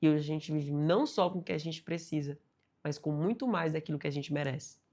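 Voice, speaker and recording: A woman, a guest on a talk show, telling a parable in a lively, animated way and acting out the characters in her quotes. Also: sits low, a little fast. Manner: animated storyteller, acts out voices in quotes. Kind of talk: casual interview chat.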